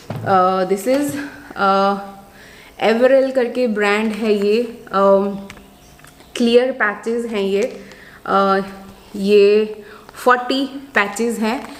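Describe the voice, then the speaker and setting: A woman chatting casually through a beauty product haul, mixing in English phrases and pausing often with filler sounds. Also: on the high side. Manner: mixes Hindi and English, many filler sounds. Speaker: beauty vlogger.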